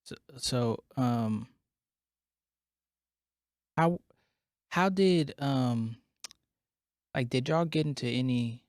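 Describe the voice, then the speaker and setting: Male podcast host, mid-pitched, casual questioning, dry close-mic sound. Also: very slow, pauses often, no echo. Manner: relaxed, laid-back questioning with fillers. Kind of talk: casual interview chat.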